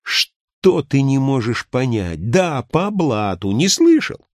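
A man voicing a cheerful, boastful red-haired wheeler-dealer who brags in an excitable, drawn-out way. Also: mid-range voice, husky, no echo, clean studio sound, pitched above the performer's own voice.

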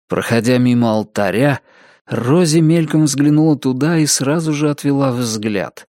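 A man reading a novel aloud as an audiobook narrator, in a measured, deliberate way. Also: medium pitch, darkish tone, dry recording, studio quality. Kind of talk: scripted narration.

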